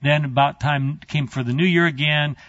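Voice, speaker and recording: A man teaches a Bible class in an easygoing, conversational way, sprinkling in asides to his listeners. His fairly high voice is a bit bright, steady in tone and at normal speed. The recording is dry and a little muffled, with no echo.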